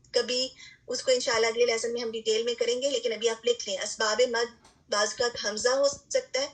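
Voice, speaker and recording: A woman's voice: on the high side, rough recording. A woman teaching a recitation lesson, explaining step by step and often checking in with her students. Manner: patient explaining, frequent "theek hai" check-ins, English terms mixed in. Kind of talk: online lesson lecture.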